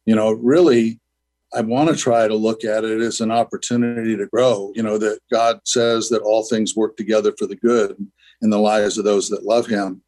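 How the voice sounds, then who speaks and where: A man's voice: fairly low pitch, little pitch movement, normal speed, a little mellow, rough recording. An older man, a school founder, speaking as a guest on a radio interview in an earnest, rambling way with many fillers.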